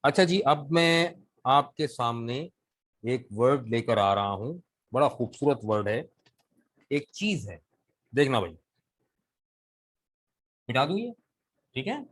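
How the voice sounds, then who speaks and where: A man with a Pakistani Urdu accent teaches a live online class over a video call. His voice sits at an ordinary middle pitch, and he explains things patiently, step by step. He keeps pausing to ask his students questions. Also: big pitch swings, low-quality recording. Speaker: English vocabulary teacher.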